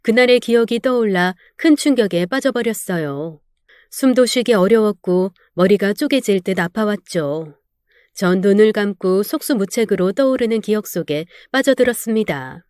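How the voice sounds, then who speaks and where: A woman's voice: medium pitch, expressive, normal speed, a little mellow, clean tone, dry recording, studio quality. A woman narrating a real-life story in the first person, with an emotional, dramatic delivery.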